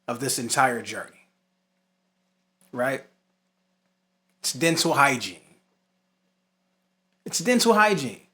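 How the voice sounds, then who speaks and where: A man with a mid-range, sharp-toned voice hosts and instructs an informal talk box tutorial, part scripted and part conversational, stressing and repeating his key points.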